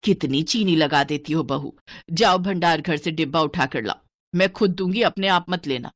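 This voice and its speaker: Stingy bossy mother-in-law, voiced by a woman, low and dry, for a village skit. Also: normal speed, no room sound. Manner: scolding, bossy, penny-pinching. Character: stingy cunning middle-aged mother-in-law. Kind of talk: dubbed village skit dialogue.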